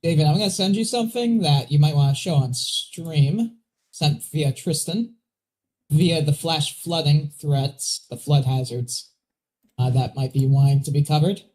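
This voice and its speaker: A man's voice: fairly high pitch, a little slow, darkish tone, rough recording. A man co-hosting a weather livestream with casual, conversational live commentary and plain explanations.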